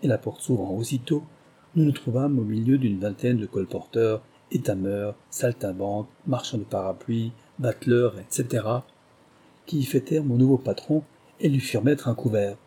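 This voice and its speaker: A man reading a memoir aloud in measured, scripted storytelling narration. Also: mid-range voice, mellow, slightly rough. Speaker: audiobook narrator.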